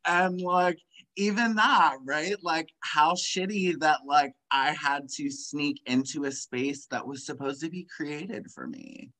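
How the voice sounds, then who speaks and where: An impassioned young man in casual conversation, dropping "like" after "like" and breaking into short laughs. His voice is bright and forward. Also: fairly high pitch, slow pace, low-quality recording. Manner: impassioned, many "like" fillers, frequent laughs. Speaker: guest.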